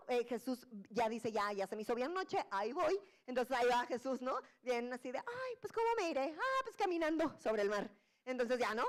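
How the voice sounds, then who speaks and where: A woman preaching a sermon, telling the story in a lively, colloquial and humorous way and acting out the voices of the disciples. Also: high-pitched.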